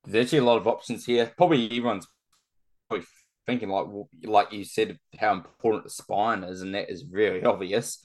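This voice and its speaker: Male sports-chat guest, lowish pitch, laid-back and slangy. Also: brisk.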